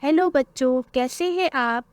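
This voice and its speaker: A woman voicing a sly male thief who sweet-talks children in a cartoon story, with a coaxing, quick manner. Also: high voice, no echo.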